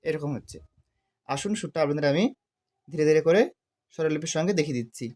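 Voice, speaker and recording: A man teaching a devotional chant on the harmonium, explaining quietly and then singing each phrase slowly and loudly. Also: on the high side. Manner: explains softly, then sings the phrases louder and drawn out. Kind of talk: music lesson, talking and singing. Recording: loud harmonium under the voice. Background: harmonium playing.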